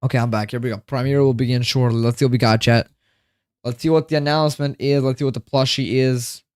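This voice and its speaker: Tired male livestreamer, rambles and repeats lines to chat; smooth voice, dry close sound. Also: mid-range voice, steady tone, fast, no echo.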